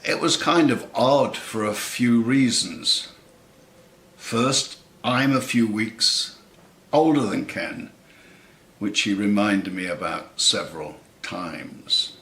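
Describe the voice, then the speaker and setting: Older guy in his 70s reading a eulogy, really unhurried, dry humour, echoey room. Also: fairly low pitch, a bit bright. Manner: wry, dry tongue-in-cheek humour; measured delivery with deliberate pauses. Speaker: eulogist, lifelong friend of the deceased. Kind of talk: scripted spoken eulogy. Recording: roomy, echoing sound.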